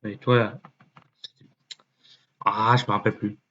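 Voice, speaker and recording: A man thinking aloud as he clicks through a website, muttering and swearing under his breath, with many fillers and sudden jumps into a mock high voice. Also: flat delivery, a little slow, sharp tone. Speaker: YouTuber. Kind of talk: casual screen-recording commentary. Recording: dull lo-fi mic with faint noise.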